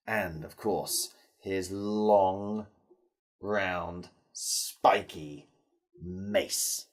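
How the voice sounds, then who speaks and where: With a mid-range, slightly rough voice, this storyteller theatrically tells children a tale, pausing dramatically and putting questions to the young audience.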